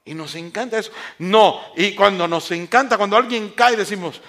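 A man preaching a sermon in a church, switching between loud emphatic lines and quiet asides, and using mocking voices for the people he quotes. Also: sits high, normal speed.

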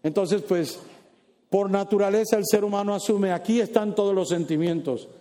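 A man preaching a sermon, animated and playful, teasing the congregation with asides. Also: high-pitched, normal speed.

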